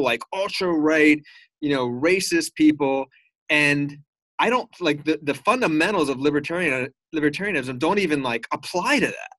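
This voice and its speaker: A man hosts a casual political podcast, his voice sitting a touch high and ringing bright and sharp. He talks heatedly and profanely, circling back and restarting his sentences as he goes. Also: no echo. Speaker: podcast co-host.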